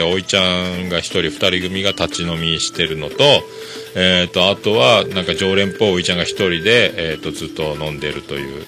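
A man from Fukuoka hosting a podcast, telling a casual story in a chatty, rambling way with many fillers. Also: on the low side. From Fukuoka, Japan. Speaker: podcast host.

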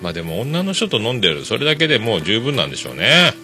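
A man's voice: mid-range voice, big pitch swings, very fast, bright, forceful tone, soft background music. Chatty man telling a rambling story. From Fukuoka, Japan. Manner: rambling, chatty, many fillers. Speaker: podcast host. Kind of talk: casual solo storytelling.

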